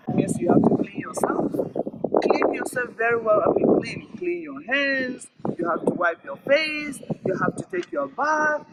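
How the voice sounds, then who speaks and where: Recorded from a distance amid loud background noise, a woman with a high-pitched voice tells children a story dramatically, stressing words and repeating phrases for effect.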